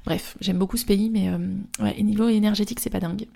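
A young Frenchwoman, a spiritual therapist and vlogger, tells a personal story in a casual, rambling way full of slang, fillers and restarts. Her mid-range voice is warm with vocal fry, fairly even in intonation, and quick-paced.

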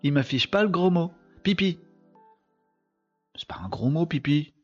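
A man's voice: fairly high pitch, lively intonation, brisk, highs cut off, soft background music. A tired man hosting a daily live stream, chatting casually and joking with viewers he greets by name.

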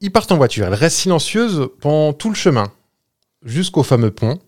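Lively man telling a ghost story. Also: fairly high pitch, fairly quick, no echo, studio quality. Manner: tells a ghost story with jokes and hesitations. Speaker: podcast storyteller. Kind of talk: casual storytelling chat.

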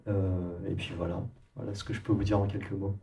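A man from France speaks in a relaxed, hesitant interview manner, often pausing and restarting his sentences. His voice is mellow and somewhat low. He sounds a little distant from the microphone. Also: vocal fry, a little hiss or hum. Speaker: interviewed musician and producer.

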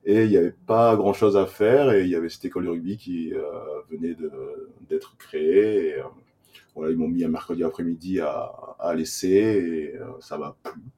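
Interview guest: man, 30s, from Burkina Faso, dark mellow tone, halting delivery. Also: deep voice, fairly even intonation. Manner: hesitant, many "euh" fillers and restarts. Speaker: guest, former rugby player. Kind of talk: casual interview answers.

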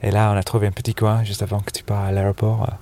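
A man's voice: lowish voice, fast talker, creaky. English guy chatting in french. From England. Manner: relaxed, chatty, many fillers and laughs. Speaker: snowboard shop buyer, podcast guest. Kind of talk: casual interview chat. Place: dark corner of a trade fair hall, on a sofa.

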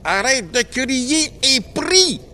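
A man's voice: sits high, expressive, a little slow, pushed and bright, pitched above the performer's own voice, heavily acted. A man voicing a stern religious brother in a storybook recording, commanding and insistent. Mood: fervent.

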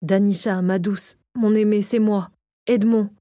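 A woman reading the lines of a gentle, worried king in a French audiobook, with a soft, reassuring delivery. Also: medium pitch, steady tone, a little slow, no echo, clean studio sound, natural voice.

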